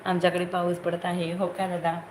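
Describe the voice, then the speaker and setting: A woman's voice: on the low side, monotone, moderate pace. A woman hosting a casual live stream, greeting viewers by name and asking everyone to like the stream. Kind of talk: casual live-stream chat reading comments. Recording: faint background noise.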